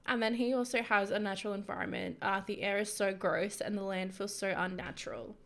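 A woman giving casual, chatty commentary over life-sim gameplay, excitable, with frequent whispered asides. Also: medium pitch, brisk. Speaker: gaming YouTuber.

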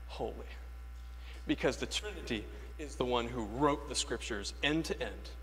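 This American Anglican priest from Florida has a mid-range, fairly bright voice, and a little hiss or hum runs under the recording. Preaching emphatically from a lectern in a large church with long, echoey reverb, he repeats key phrases and poses rhetorical questions.

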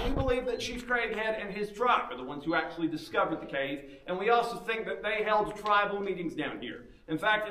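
A male tour guide with a fairly high voice delivers a practiced talk to his walking group, addressing them informally. He is recorded at a distance, and his words ring with the strong echo of a cave. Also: bright, forceful tone, slight background noise. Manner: addresses group casually as "you guys". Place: inside a cave, echoing. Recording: echoey cave, voice away from mic.

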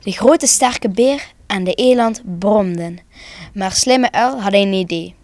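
A woman narrating a children's Christmas story for broadcast, calm and expressive. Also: mid-range voice, slow.

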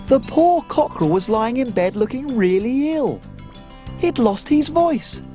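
Playing a small, cheerful cook for a children's TV show, an actress tells stories with bubbly, sing-song cheer. Her fairly high voice is expressive, warm and a touch slow, with soft music in the background.

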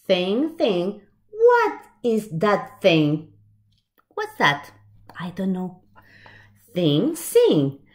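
This is a children's storytime: a woman with a medium pitch reads a picture book very slowly and animatedly. She's expressive throughout, asking the young listeners questions and adding asides, inside a small room with shelves.

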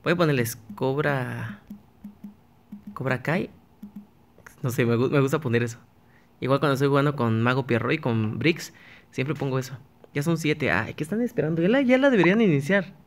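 A man with a mid-range voice comments on his gameplay at normal speed, leaving long pauses. As a YouTuber he chats casually to himself and viewers while playing, often starting sentences over.

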